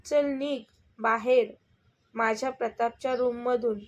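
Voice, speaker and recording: A woman's voice: on the high side, fairly even intonation, measured pace. A woman voicing a jealous, possessive young woman who demands and insults in an angry storybook scene.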